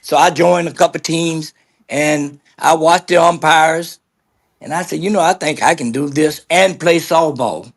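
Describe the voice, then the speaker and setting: An older man, a veteran sports official, telling stories in an easygoing, halting way as an interview guest. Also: a little high, vocal fry. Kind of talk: casual interview chat.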